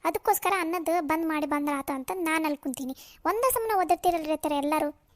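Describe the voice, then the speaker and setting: A woman's voice: sits high, a little fast, no room sound, lightly acted. A woman voicing a defiant young daughter-in-law in a cartoon, arguing back in a North Karnataka Kannada accent. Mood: indignant. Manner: indignant, argumentative. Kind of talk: cartoon voice acting.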